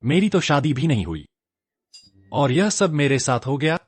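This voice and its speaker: A man voices a young sect disciple in a dubbed fantasy drama, cowardly but cheeky. His voice swoops up and down lively as he frets. The sound is close and dry. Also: a little high, normal speed, slightly rough, no echo. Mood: anxious. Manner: jittery, stammering when scared.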